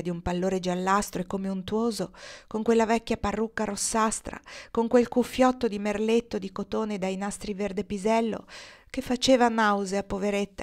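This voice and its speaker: A woman reading an audiobook of a novel aloud, with an expressive, measured narration. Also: mid-range voice. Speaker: audiobook reader.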